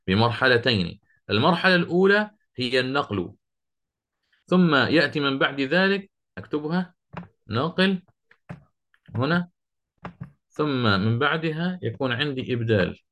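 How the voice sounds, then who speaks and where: A middle-aged man at a medium pitch teaching the finer rules of Quranic recitation. He explains each step patiently, stops to quiz his students, and slows down to recite verses in a drawn-out way. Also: animated, fairly bright tone. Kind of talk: interactive lesson on Quranic readings.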